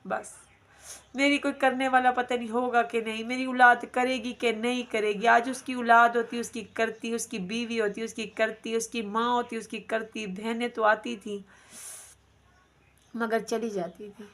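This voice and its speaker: A woman's voice: a little high, little pitch movement, fairly bright tone. A middle-aged woman telling an emotional personal story in a grieving, regretful way, often repeating her phrases. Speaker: vlogger.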